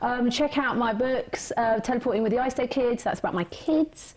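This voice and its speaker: A woman's voice: on the high side, normal speed, darkish tone, a little hiss or hum, rough recording. A woman, an author and blogger, chatting as a guest in a casual interview, bubbly and gushing. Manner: bubbly, gushing, exclaims often.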